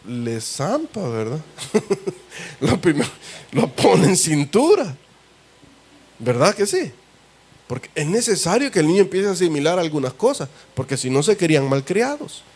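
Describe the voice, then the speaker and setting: Male pastor, Salvadoran accent, fairly high voice, chatty sermon, rhetorical questions to the congregation. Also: big pitch swings, moderate pace, pauses often, a little mellow, slightly rough. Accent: Salvadoran Spanish. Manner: conversational, asks the congregation rhetorical questions and calls them brother.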